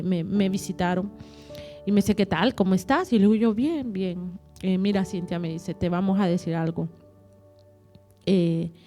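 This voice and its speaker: A woman telling a personal testimony in an interview. She talks haltingly, repeats words and acts out what others said. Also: lowish voice, warm tone.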